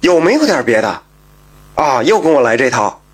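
A man voicing a stern, shrewd county magistrate who speaks in a measured, lowered voice in a told folk story. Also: big pitch swings, breathy edge.

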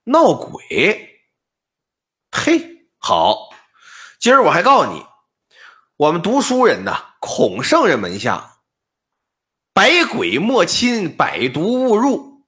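A man's voice: sits high, wildly swooping pitch, slow pace, long pauses, a bit bright, full character voice. A man doing a cocky young scholar. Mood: boastful. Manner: boastful, playful. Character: bold young male scholar, cocky and unafraid.

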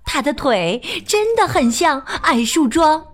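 Brief: female storyteller, unhurried sing-song read-aloud, bouncy swooping pitch. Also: soft background music. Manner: slow, expressive and sing-song. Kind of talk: children's picture-book read-aloud.

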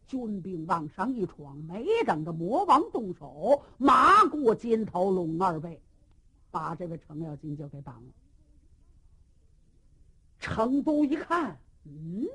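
Woman telling an old tale, lively swoopy delivery, unhurried, bit husky. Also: fairly high pitch. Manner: lively, dramatic, with sound effects. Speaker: storyteller. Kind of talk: traditional Chinese storytelling.

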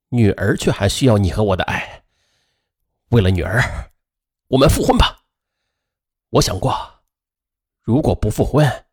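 A man's voice: on the low side, a little mellow, breathy edge, voice pushed down. A man doing a stammering, downtrodden father. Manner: stammering, pleading. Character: anxious downtrodden divorced father, adult man.

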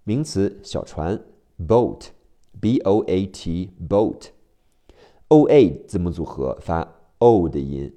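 A male teacher drilling English word spellings letter by letter, slow and deliberate. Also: low-pitched, warm tone. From China.

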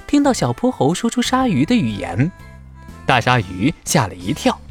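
Man reading a kids adventure story, super expressive pitch swings, soft music behind. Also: normal speed. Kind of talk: scripted children's story narration.

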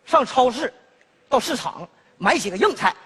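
An exasperated, placating city cousin speaks in a very high, husky voice with a lively pitch and a Northeast Chinese accent. The stage sound rings with a long reverb. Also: male voice, moderate pace, heavily acted. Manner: exasperated, placating, laughs often. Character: well-off city man, patient younger cousin. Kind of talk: comedy sketch dialogue.

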